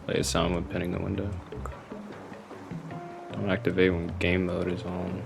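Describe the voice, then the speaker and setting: A man casually chatting with his viewers while playing a game on a relaxed livestream. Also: low voice, normal speed, vocal fry, over music. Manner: relaxed, chatty, talks to chat. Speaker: game streamer.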